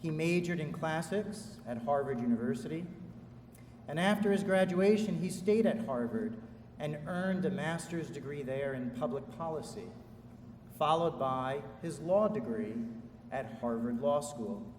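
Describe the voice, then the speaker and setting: A man delivering a formal commencement speech as a ceremony speaker, in a measured, solemn way with deliberate phrasing. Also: on the high side, darkish tone. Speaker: ceremony speaker introducing an orator. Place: large indoor hall at a school commencement. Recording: echoey hall, distant mic, faint noise.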